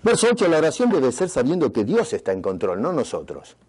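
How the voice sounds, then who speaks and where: A male pastor preaching a sermon in an emphatic, sometimes sarcastic way, dropping his voice low on key words. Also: wildly swooping pitch, fairly quick, a little mellow, husky. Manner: emphatic, sarcastic preaching with sudden drops in pitch. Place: church retreat.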